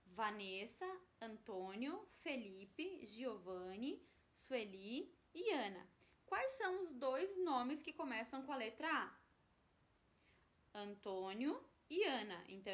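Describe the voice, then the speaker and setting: A woman teacher from Brazil, patiently walking young pupils through a workbook exercise step by step. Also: fairly high pitch.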